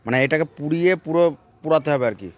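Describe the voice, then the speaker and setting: A man with a voice gone hoarse from a cold, chatting casually and directly to his viewers as a vlogger, outdoors by a bonfire on a cold day. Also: fairly high pitch, very fast. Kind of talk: casual vlog chat.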